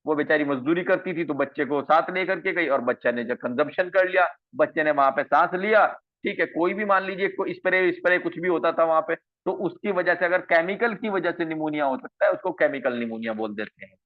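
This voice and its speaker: A man's voice: on the high side, brisk, hardly any pauses. Man lecturing over tinny phone-like audio. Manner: repeats key terms and asks rhetorical questions. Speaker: medical college teacher. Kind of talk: online coaching lecture.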